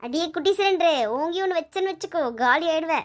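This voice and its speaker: Cartoon role: woman voicing a feisty young maid, very high squeaky voice, scolds then pleads. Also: quick pace. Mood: bold. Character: feisty young woman housemaid, bold and quick-tempered. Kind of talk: cartoon voice acting.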